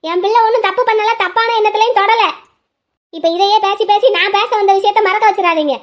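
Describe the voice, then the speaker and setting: A woman voicing a sharp-tongued, bossy mother-in-law in a cartoon, scolding as she talks. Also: very high voice, fairly even intonation, brisk. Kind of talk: cartoon voice acting.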